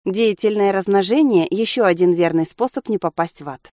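Woman voicing a preachy young woman, audiobook figure, emphatic, raised pitch, dry sound. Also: brisk, mellow, no room sound, close to an everyday voice. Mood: lecturing. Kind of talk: audiobook character voice.

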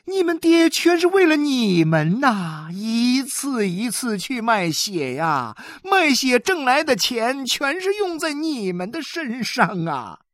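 A woman's voice: fairly high pitch, big pitch swings, slow pace, dry recording, clean studio sound, voice pushed up. A woman voicing a middle-aged wife who scolds emphatically and shields her husband. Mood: scolding.

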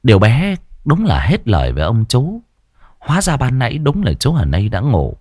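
A man, narrating a ghost story in a lively, colorful way. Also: mid-range voice, normal speed, no echo, studio quality.

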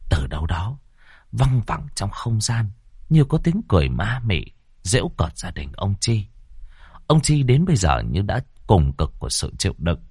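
A man narrates a ghost story in a husky, slightly low voice that rises and falls dramatically. The sound is close and dry, with no room around it. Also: big pitch swings, moderate pace, darkish tone, dry recording.

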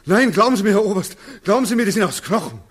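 An actor in a 1940s radio drama plays a tormented soldier back from war, recounting a nightmare in a high, lively, fast voice. He's theatrical, obsessive, feverish and insistent, swinging from hushed murmurs to frenzied cries, on a muffled, husky recording.

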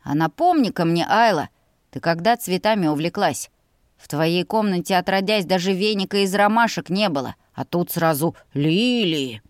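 Female narrator doing the brother: young man, mocking, lowered voice, drawn-out lines. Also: no echo, studio quality, close to an everyday voice. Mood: teasing. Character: teasing young adult brother, sharp and wry. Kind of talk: audiobook character voice.

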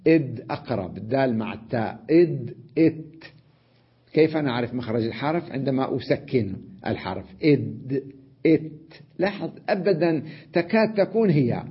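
A man teaching an Arabic grammar lesson, sounding out letters slowly, repeating examples and often checking that the listener follows. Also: mid-range voice, breathy edge, muffled recording. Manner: addresses the listener directly with checks like "notice" and "right?".

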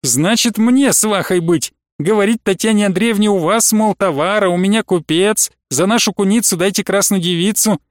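A man's voice: high voice, moderate pace, few pauses, no room sound, clean studio sound, pitched above the performer's own voice, lightly acted. A male narrator voicing a good-humoured young man who teases his friend. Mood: teasing. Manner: teasing, jovial.

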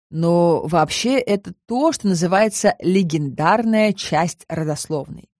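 A woman reading the part of a calm, erudite young man, explaining family history in a measured, lightly ironic way in an audiobook. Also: on the low side, dry recording, studio quality, close to an everyday voice.

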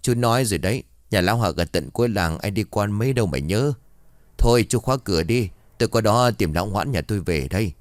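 A worried middle-aged village wife from a spoken horror story, talking in quick, anxious lines, read by a male narrator in close to his own voice. The voice stays low, lively and dry. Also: no room sound, close to an everyday voice. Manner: anxious, hurried.

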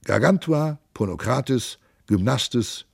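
A man reading a classic novel aloud as narrator, expressive and unhurried storytelling. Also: mid-range voice, gravelly, slightly rough, dry recording, clean studio sound. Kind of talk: audiobook reading.

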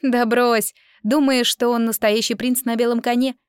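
A woman's voice: fairly high pitch, flat delivery, normal speed, smooth, dry recording, close to an everyday voice. Woman doing a chatty school friend, blunt but caring, dry close recording. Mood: skeptical.

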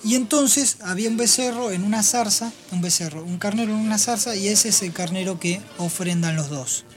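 A woman hosting a radio program, retelling Bible passages in an explanatory, storytelling way with pauses and restarts. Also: medium pitch, soft background music. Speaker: radio host. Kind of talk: radio talk on Bible stories.

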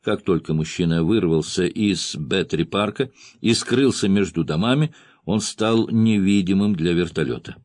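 Male audiobook narrator, very low voice, measured crime-novel reading, dry studio sound. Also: darkish tone, no echo. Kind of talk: scripted first-person narration of a crime novel.

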